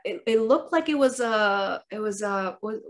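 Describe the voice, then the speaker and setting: A woman's voice: medium pitch, expressive, moderate pace. A woman in her late thirties from Russia speaks from her living room over a laptop webcam. She rambles loosely as a guest healer and keeps padding her sentences with fillers. Her tone is casual and conversational. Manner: rambling, full of fillers like "like" and "you know". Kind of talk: casual video-call interview. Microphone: laptop webcam on video call.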